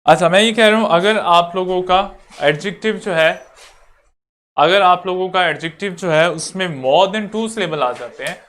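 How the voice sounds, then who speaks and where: A man teaching an online lecture, going over each rule slowly and repeating it step by step. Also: high voice, a bit bright. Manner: repetitive, explains slowly step by step.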